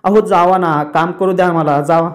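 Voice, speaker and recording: A man voicing a sharp-tongued young woman who snaps back and scolds dismissively, in a retold soap scene. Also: high-pitched, steady tone, normal speed, close to an everyday voice. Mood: tart, scolding.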